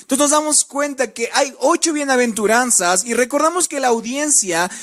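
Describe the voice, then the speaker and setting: A man's voice: very high voice, normal speed, a bit bright. A man preaching a sermon with a sing-song cadence, often repeating words as he goes. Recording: faint music behind.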